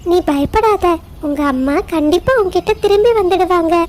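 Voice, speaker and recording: A woman voicing a gentle mother kingfisher who talks in a soothing, motherly way. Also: extremely high pitch, animated, normal speed. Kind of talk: cartoon voice acting.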